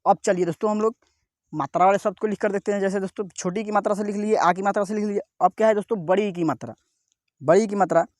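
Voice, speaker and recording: Man slowly sounding out syllables. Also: sits high, a little mellow, no echo, clean studio sound. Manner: repeats a friendly "what, friends?" and sounds out each syllable slowly. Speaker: teacher. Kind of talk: step-by-step Hindi reading lesson.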